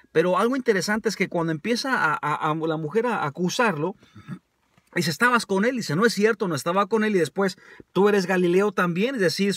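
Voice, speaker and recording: A man preaching a conversational sermon in Spanish, calling his listeners brothers and often pausing with hesitations. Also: sits high, fairly bright tone, no room sound, clean studio sound. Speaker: pastor.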